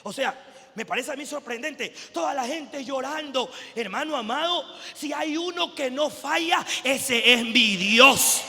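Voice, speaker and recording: A man preaching a fervent sermon, switching between shouted proclamations and quiet, close asides. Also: normal speed. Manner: swings from shouted proclamation to low intimate asides. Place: church service hall. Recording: echoey church hall with long reverb.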